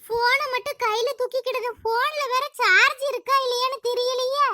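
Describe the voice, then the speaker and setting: A chattering middle-aged village woman from a cartoon, put on by a voice actor, with a lilt. Her voice is sped-up, squeaky and extremely high, bright and sharp. It sits close and dry, with no room around it. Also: fairly even intonation, no echo, exaggerated voice. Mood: fussing. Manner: bossy, rapid village gossip. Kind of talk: cartoon voice acting.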